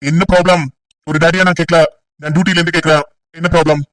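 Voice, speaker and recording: A man playing a stern police officer and father in an amateur audio drama, brisk and lecturing. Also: on the high side, level tone, fairly bright tone, recorded from a distance, lightly acted, low-quality recording. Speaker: police officer leading an enquiry.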